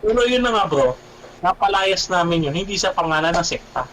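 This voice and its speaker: Animated high-voiced man giving testimony. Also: fairly quick, a little hiss or hum, rough recording. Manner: animated, keeps calling the host "bro", repeats himself. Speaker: guest telling his conversion story.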